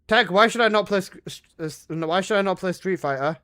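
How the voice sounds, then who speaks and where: A young man chats casually on a gaming livestream from his room at home, his voice high-pitched, brisk, pushed, and bright. He answers his chat in laid-back slang.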